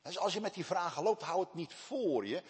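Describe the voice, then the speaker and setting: Preacher in a reverberant church. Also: male voice, sits high, animated, a little fast, breathy edge. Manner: emphatic preaching with sudden loud cries and soft asides. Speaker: pastor. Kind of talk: sermon.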